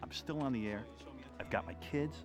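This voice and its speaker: An actor playing a brash, crude, self-mocking radio host, confiding to the audience. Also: male voice, medium pitch, moderate pace, over music, lightly acted. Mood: boastful. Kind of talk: film dialogue and narration.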